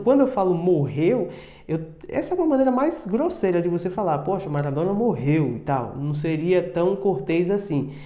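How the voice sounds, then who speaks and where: Male online teacher, warm mellow voice, casual and chatty, echoey room. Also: high voice. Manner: chatty, repeats words slowly with many tags like tá and né. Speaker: English teacher. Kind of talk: casual video lesson.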